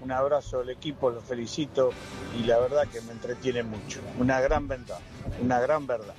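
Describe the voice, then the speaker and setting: Friendly taxi-driver caller. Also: male voice, mid-range voice, fairly even intonation, a little fast, over music, poor audio. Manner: friendly, repeats phrases. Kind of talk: call-in praise to the show.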